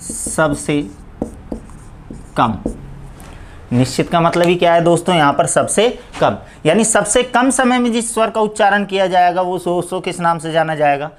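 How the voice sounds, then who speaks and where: A man with a Rajasthani Hindi accent teaching a live online grammar class. He asks questions and answers them himself, calls his listeners friends again and again, and slowly dictates definitions word by word. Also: high voice, lively intonation, slight background noise. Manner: repeats "दोस्तों" often; slow, drawn-out dictation of definitions.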